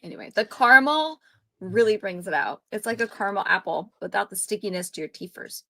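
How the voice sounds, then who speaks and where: Bright, lively woman in her thirties. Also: mid-range voice, brisk, creaky, dry recording. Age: 30s. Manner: giggly, playful and exclaiming. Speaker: podcast co-host. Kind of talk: casual chat.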